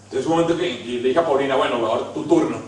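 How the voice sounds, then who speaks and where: A man with a Colombian accent preaching, telling funny stories about himself and swinging between hushed and loud. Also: medium pitch, racing. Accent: Colombian Spanish. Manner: storytelling, self-mocking, swings from hushed to loud. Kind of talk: humorous sermon. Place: large hall. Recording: very echoey hall, mic at a distance.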